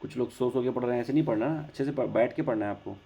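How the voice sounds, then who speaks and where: A man's voice: mid-range voice, very fast, mellow, slightly rough. A man with an Indian accent teaching an online class, mixing Hindi and English and checking in often with his students.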